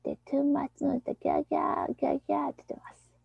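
A woman teaching a children's English song, explaining softly, often in a near-whisper, and reading the lyrics slowly and deliberately. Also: high-pitched, wildly swooping pitch, vocal fry, no echo, narrow, tinny audio. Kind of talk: screen-shared lesson on a children's song.

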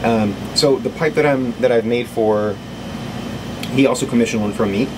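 A man in his thirties hosting a casual, unscripted chat to camera, pausing often as he talks. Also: medium pitch. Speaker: video host, pipe maker. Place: small indoor cluttered workshop. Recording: steady background hum and noise.

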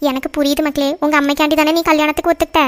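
A woman voices a comforting cartoon grandmother whose voice sits very high and rushes quickly. She steadies the family with reassurance, not scolding. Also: little pitch movement, lightly acted. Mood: reassuring.

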